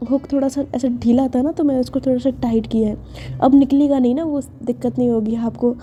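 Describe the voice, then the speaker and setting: A woman voicing a confident, teasing young woman who speaks softly and coaxingly, partly in a whisper. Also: high-pitched, fairly even intonation, brisk, lo-fi sound, soft background music, lightly acted. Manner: soft, coaxing, half-whispered.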